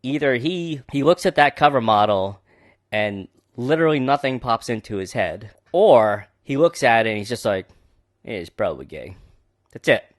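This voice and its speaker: A man's voice: medium pitch, lively intonation, moderate pace, dry recording, clean studio sound. A man hosting a book podcast, giving casual, sarcastic commentary that rambles and is full of fillers.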